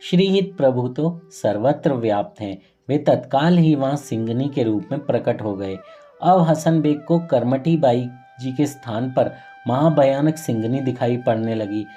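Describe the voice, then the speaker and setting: A man recounts a saint's life story reverently and earnestly, with soft music playing in the background. His dark, medium-pitched voice is expressive and unhurried, and he occasionally corrects himself partway through a phrase.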